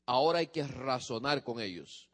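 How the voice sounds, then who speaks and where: A man's voice: medium pitch, animated, normal speed, fairly bright tone, long reverb tail. A man giving a lecture on parenting to a live audience, often asking his listeners questions. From from a different country than his audience. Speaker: speaker on parenting teens.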